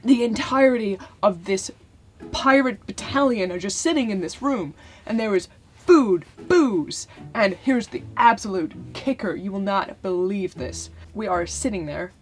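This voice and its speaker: A woman's voice: mid-range voice, animated, a little slow, natural voice. Woman as cocky young space rogue, rambling, self-mocking comic tale, music bed. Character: boastful, carefree young male space adventurer. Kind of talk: comic monologue storytelling. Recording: music playing underneath.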